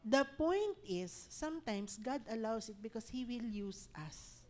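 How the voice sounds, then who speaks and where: Preaching with animation and frequent laughter, a Filipino-accented woman pastor weaves English into her message. She speaks a touch high and a bit slowly.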